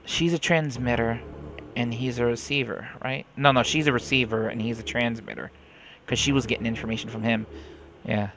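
A man's voice: mid-range voice, fairly even intonation, normal speed, background noise. A man casually thinking aloud while playing through a video game. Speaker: let's play gamer.

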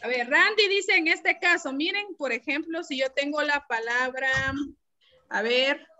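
A woman's voice: high voice, measured pace, bright, forceful tone. A woman teacher giving an online lesson to a class, patiently explaining and asking the students questions. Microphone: computer mic on a video call.

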